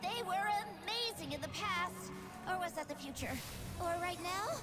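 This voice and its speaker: A woman's voice: very high-pitched, animated, normal speed. A woman voicing a small young female dragon in a video game, with a cute voice and an earnest, chatty manner. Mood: cheerful, flustered. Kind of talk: video game character acting. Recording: game audio under loud music.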